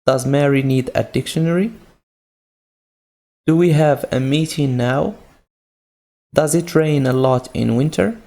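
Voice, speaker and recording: A Moroccan-accented man teaching an English grammar lesson at a slow, deliberate pace. His voice is dark and mellow with a gravelly edge, and he patiently repeats each point through simple example sentences. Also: on the high side.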